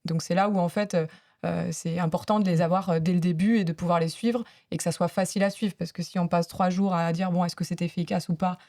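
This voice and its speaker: A woman's voice: lowish voice, steady tone, quick pace, dark tone. A woman speaking on a panel at a business talk, explaining her points casually with many fillers to a live audience. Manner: chatty, many fillers, laughs at herself.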